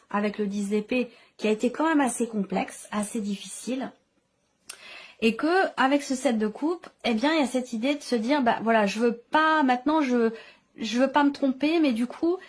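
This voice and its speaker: A high-pitched woman, a tarot reader who hosts her own channel, improvises a reading for viewers. She explains as she goes and often rephrases while searching for words.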